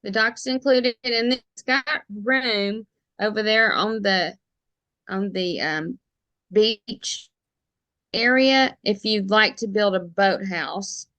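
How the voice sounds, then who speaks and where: A woman's voice: mid-range voice, slow pace, bright, forceful tone, dry recording, low-quality recording. A woman with a thick Alabama Southern accent, chatting casually and informally as a realtor being interviewed. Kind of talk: casual chat.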